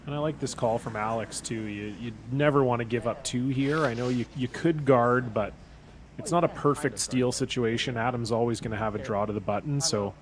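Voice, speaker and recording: A man giving relaxed, analytical live commentary on a curling match. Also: medium pitch, a little fast. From Canada. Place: broadcast booth at a curling club.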